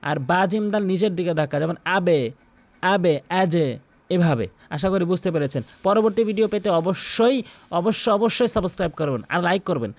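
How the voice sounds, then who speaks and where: A man teaching a Quran recitation lesson, repeating each sound slowly so listeners can practise along. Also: high voice, no echo. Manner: stretches out chanted recitation in a drawn-out melodic voice. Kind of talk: pronunciation lesson.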